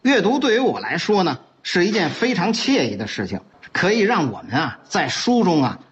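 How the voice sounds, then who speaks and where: Brief: reflective male promo voice, lively intonation, faint music underneath. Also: high voice, normal speed, muffled recording. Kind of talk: promotional reading message.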